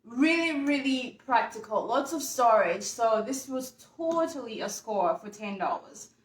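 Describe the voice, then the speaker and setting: Working on a furniture project at home, a young woman from Uganda talks in a relaxed, upbeat way to her viewers. She has a fairly high voice with lively intonation and an unhurried pace, recorded on a camera mic in an echoey room.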